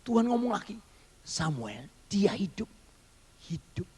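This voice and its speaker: A man's voice: high voice, big pitch swings, a little slow, a little mellow, slightly rough, in a large hall. A male pastor telling a testimony in a sermon, animatedly acting out the voices he quotes.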